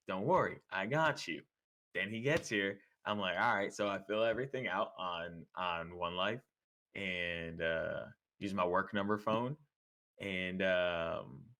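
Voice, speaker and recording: Young guy podcast cohost, lowish voice, chill storytelling w slang. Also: fairly bright tone. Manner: laid-back storytelling with slang and mimicked voices. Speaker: podcast co-host. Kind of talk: casual chat.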